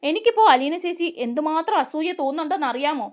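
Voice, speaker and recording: A woman's voice: sits high, lively intonation, fast talker. A woman reading the lines of a teasing, orphaned young woman in a told story, in a chatty way. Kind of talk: storytelling dialogue.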